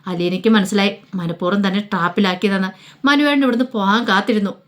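A woman narrating a dramatic story in a casual, colloquial way. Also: medium pitch. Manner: rapid, casual retelling.

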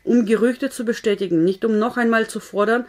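A woman reading a historical novel aloud in a steady narrating voice, now and then correcting a slipped word. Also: on the high side, brisk. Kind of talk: audiobook-style story reading.

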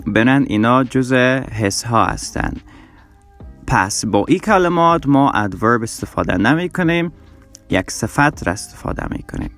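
A man teaching English who says his example phrases slowly and carefully and pauses often with "uh" between quicker explanations. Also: medium pitch, a bit bright. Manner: many hesitation fillers. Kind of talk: language lesson video.

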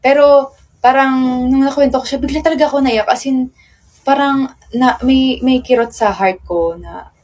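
A young Filipino woman with a high-pitched, slightly mellow voice chats casually with fans on a live stream at normal speed, pausing often. She rambles through stories, packs them with tag words and switches between Tagalog and English.

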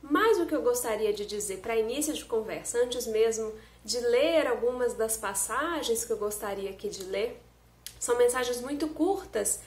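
A young woman giving an online spiritist lecture, explaining earnestly and addressing viewers directly, filmed close on a phone indoors. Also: a little high. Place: indoor room at home. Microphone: phone camera close up. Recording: roomy echo.

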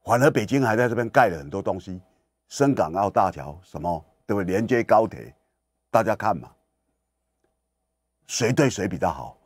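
A man's voice: fairly low pitch, expressive, moderate pace, pauses often, husky, no room sound. A man hosting political commentary on the radio, lecturing emphatically and firing rhetorical questions at his listeners. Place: radio studio.

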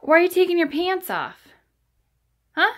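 A woman's voice: very high-pitched, sing-song, normal speed. Playful mom cooing at her kids. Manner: cooing, playful baby talk with her children. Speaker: vlogger and mother of three. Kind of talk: casual home vlog. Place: family home. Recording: home video with background noise.

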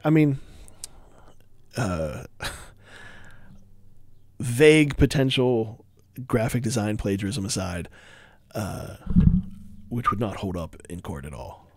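Low gravelly man rambling wryly. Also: a little mellow, no echo. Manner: rambling, wry asides, self-interrupting. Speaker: board game reviewer. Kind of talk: casual review commentary.

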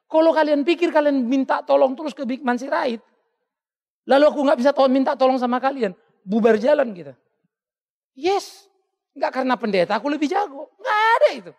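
A male pastor preaching a sermon in an animated way, often acting out the voices of the people he quotes. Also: very high voice, a little fast, gravelly, big-room sound. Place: church hall.

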